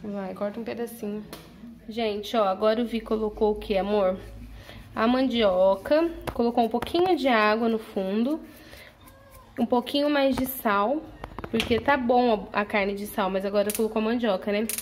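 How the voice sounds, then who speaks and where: Filming her husband at the stove in their home kitchen, a young woman from Brazil runs a relaxed cooking channel, talking directly to viewers and cheering him on with praise and prompts. Her voice is on the high side at normal speed, with a little hiss or hum in the audio.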